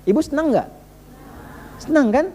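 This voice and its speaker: A man preaches a sermon in a fairly high, mellow voice. He talks to his listeners directly and conversationally, hammering his points home with repeated rhetorical questions. A faint hum sits behind him. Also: expressive, moderate pace, long reverb tail.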